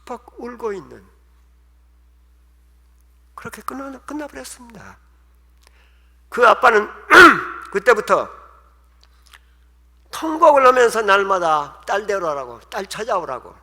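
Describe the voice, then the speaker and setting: Male preacher, bright higher voice, emotional storytelling sermon, church hall echo. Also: lively intonation, unhurried, pauses often. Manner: emotional, acts out quoted voices. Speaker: pastor. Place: church sanctuary. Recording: long hall reverb.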